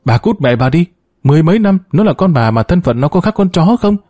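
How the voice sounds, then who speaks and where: A man reading a story, voicing a furious middle-aged woman with a sharp, scolding tone. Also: on the high side, sing-song, quick pace, dry recording, studio quality, pitched above the performer's own voice.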